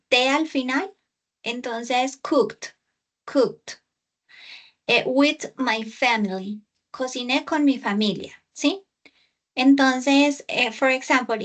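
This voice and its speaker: A woman patiently coaching a student through English phrases on a video call. Her voice sits high and she speaks slowly, drawing out each English word. She switches between explanation and careful demonstration. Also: a bit bright. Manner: patient, slow and exaggerated English pronunciation, explaining in Spanish. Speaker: English tutor. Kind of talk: online tutoring session.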